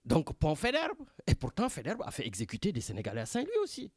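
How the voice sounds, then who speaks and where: Animated Senegalese radio host, man. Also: on the high side, fast talker, no echo, studio quality. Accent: Senegalese French. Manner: animated, addresses co-host by name often. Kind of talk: talk radio commentary. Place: radio studio in Marseille. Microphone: studio microphone.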